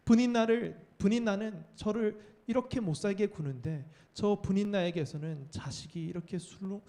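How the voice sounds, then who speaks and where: A man's voice: sits high, normal speed, dark tone, pitched above the performer's own voice. A man voicing a grieving, childless woman who pleads anguished prayers during a sermon. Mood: pleading.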